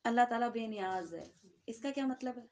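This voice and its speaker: A woman's voice: fairly high pitch, animated, darkish tone. A woman with a Pakistani Urdu accent giving a Quran lesson to seated listeners, talking conversationally and often asking the room checking questions. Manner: conversational, asks the audience frequent checking questions. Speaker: Quran teacher.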